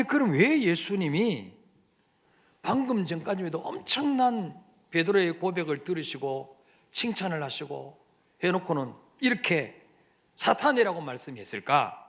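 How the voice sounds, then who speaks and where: A man's voice: a little high, slightly rough. A man preaching a sermon as pastor, asking the congregation questions and acting out quoted lines.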